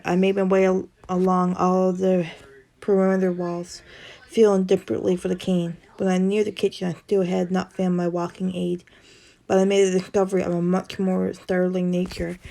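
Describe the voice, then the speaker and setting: A woman narrating a first-person horror story in a steady storytelling way, with the odd tongue-tied slip. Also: lowish voice, gravelly.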